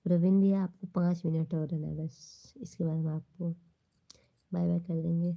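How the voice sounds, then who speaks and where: Gravelly-voiced woman hosting a livestream. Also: on the low side, level tone, moderate pace, lo-fi sound. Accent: Awadhi-tinged Hindi. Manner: blunt, scolding rude commenters. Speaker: livestream host. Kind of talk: casual livestream chat with viewers.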